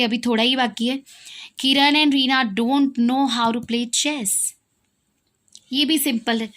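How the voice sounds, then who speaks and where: Her voice is a little high and fairly bright: a young Indian-accented woman running an English grammar lesson. She answers the questions she puts to her students and drives the key points home by repeating them.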